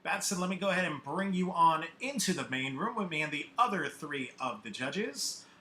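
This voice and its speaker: A man's voice: fairly high pitch, expressive, normal speed, bright, forceful tone, a little hiss or hum. A man hosting a live online music competition over a video call, introducing judges and artists with an upbeat announcer delivery. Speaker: host.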